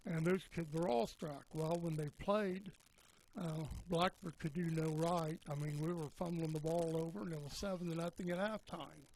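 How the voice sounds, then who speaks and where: An older man spins a rambling tale on a local radio broadcast. His voice sits a little high and he keeps fixing his own facts mid-sentence. A light hiss runs under the line. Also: steady tone, normal speed, vocal fry, a little mellow, rough recording. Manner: folksy, meandering, self-correcting. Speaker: color commentator on local radio. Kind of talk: rambling storytelling on a sports broadcast.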